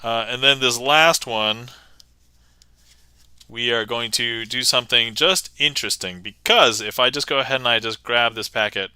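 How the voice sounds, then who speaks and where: Man, livestream magician, chatty, laughs a lot, very bright tone, dry close sound. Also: medium pitch, moderate pace, clean tone, no room sound, poor audio. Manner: chatty, laughs often, talks through card moves. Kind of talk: casual livestream magic patter.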